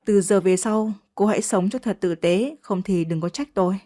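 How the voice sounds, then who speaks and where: A woman's voice: mid-range voice, moderate pace, mellow, lightly acted. A woman reading a stern, scornful older mother-in-law. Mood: scornful scolding. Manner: scolding, contemptuous.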